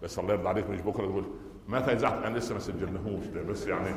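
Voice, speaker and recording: Egyptian male preacher, middle-aged, brisk storytelling sermon, roomy hall reverb. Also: deep voice, a little hiss or hum. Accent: Egyptian Arabic. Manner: storytelling, asks the audience rhetorical questions. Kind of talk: Friday sermon. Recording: echoey hall with long reverb.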